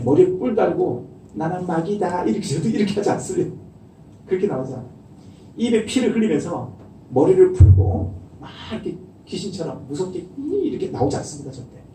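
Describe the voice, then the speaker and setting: A middle-aged man preaches with a fairly high, lively voice that rises and falls as he acts out quoted lines. His tone is mellow, and the recording is distant and echoey, as in a church hall, with faint noise behind. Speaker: pastor. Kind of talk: sermon. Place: church sanctuary.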